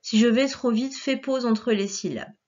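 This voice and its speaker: A female teacher slowly dictates syllables to a child, patiently naming each letter and gently breathing out the sounds. She speaks on the high side, and the recording has its highs cut off.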